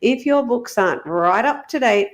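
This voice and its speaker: A woman's voice: fairly high pitch, lively intonation, moderate pace, dry recording, studio quality. A woman hosting a podcast, talking in a chatty, casual way and laughing often. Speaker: podcast host. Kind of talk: casual interview chat.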